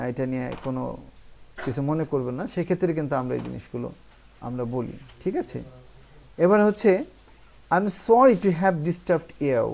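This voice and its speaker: A man from Bangladesh teaching spoken English, explaining in Bengali and reading English phrases slowly with many hesitant fillers. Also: mid-range voice, vocal fry, darkish tone. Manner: frequent "ah" fillers, asks "ঠিক আছে?".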